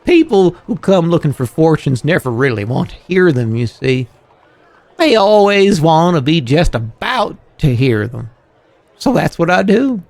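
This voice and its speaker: Squat fretful fortune teller creature: slow, swooping, evasive game character. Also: male voice, a little high, big pitch swings, vocal fry, a little mellow, no echo, full character voice. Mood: weary, evasive. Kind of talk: voiced game character on a livestream.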